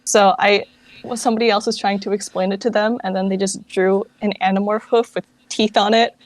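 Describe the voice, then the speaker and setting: Recorded on poor-quality equipment, this woman speaks at medium pitch in a level tone and a little quickly. As the founder of a fan dub project appearing as an interview guest, she keeps things casual and halting, leaning heavily on "like" and other fillers.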